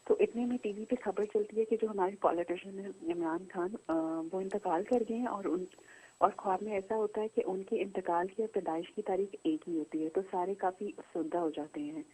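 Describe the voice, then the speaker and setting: A woman's voice: mid-range voice, steady tone, warm tone, slight background noise, poor audio. A woman from Pakistan calling a show, hesitant with fillers as she tells her dream. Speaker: caller.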